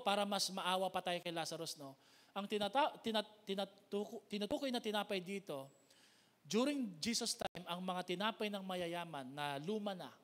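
Filipino pastor guy preaching, high voice, loud and soft swings, long hall echo. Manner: preaching with big swings in pitch and loudness. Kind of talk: sermon. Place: church hall.

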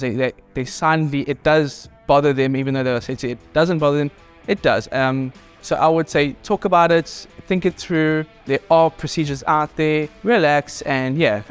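A South African man in his thirties giving a reflective testimonial interview in a bright clinic lounge, with lots of "you know" fillers. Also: mid-range voice, clean tone. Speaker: clinic patient.

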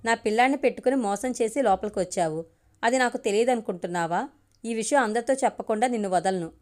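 A woman's voice: a little high, fast, darkish tone, natural voice. A woman voicing a lazy middle-aged brother-in-law in a storybook reading, angry and threatening. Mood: blustering.

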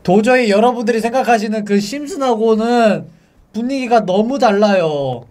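A young man commentating a horror game for viewers, chatty and excitable, yelping and shouting when the game spooks him. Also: high-pitched, normal speed, recorded from a distance. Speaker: game streamer.

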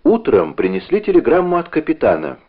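A man reading a novel aloud in a measured, even narration. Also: fairly high pitch. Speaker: audiobook narrator. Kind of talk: scripted literary narration. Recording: narrow phone-like audio.

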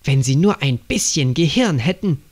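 A man's voice: fairly high pitch, expressive, normal speed, a little mellow. A man voicing an earnest young woman agent reporting to her father in an audiobook.

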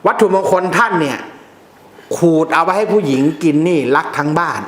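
A man's voice: a little high, lively intonation, fairly quick, roomy sound. A man who teaches about amulets, explaining in a casual, blunt way with slang and jokes.

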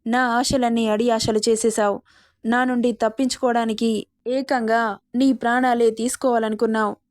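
A woman's voice: fairly high pitch, little pitch movement, moderate pace, darkish tone, no room sound, studio quality, natural voice. A woman voicing a young, hot-tempered man who reproaches the woman he loves, in a spoken Telugu love story. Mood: hurt.

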